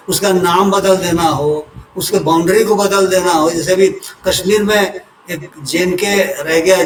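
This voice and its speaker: An older man from Uttar Pradesh, a retired civil servant, explaining a topic in an unhurried lecture with homely examples and personal asides. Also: sits high, slight background noise. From Uttar Pradesh, India. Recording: roomy echo from a distant mic.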